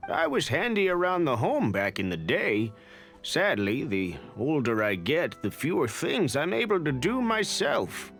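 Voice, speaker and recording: An actor playing a formal, polite elderly man in a video game, speaking in a measured way. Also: fairly high pitch, big pitch swings, fairly bright tone, soft background music, heavily acted. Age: older.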